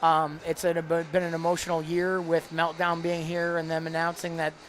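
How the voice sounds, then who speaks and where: A man being interviewed as a parts vendor, speaking in an emotional, heartfelt way with halting pauses. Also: fairly high pitch, monotone, a bit bright, slight background noise. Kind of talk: live interview.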